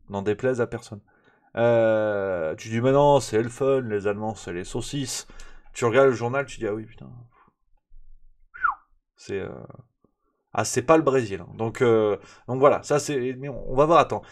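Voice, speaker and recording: A man's voice: medium pitch, darkish tone. A man hosting a live press review on a stream, rambling and sarcastic, full of hesitations, talking straight to his chat. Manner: talks straight to the chat audience. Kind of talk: casual livestream press review.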